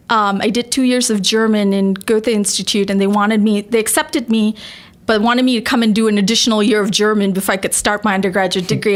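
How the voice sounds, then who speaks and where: A woman from Malaysia, a company CEO, answering podcast interview questions in a thoughtful conversational way. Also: medium pitch.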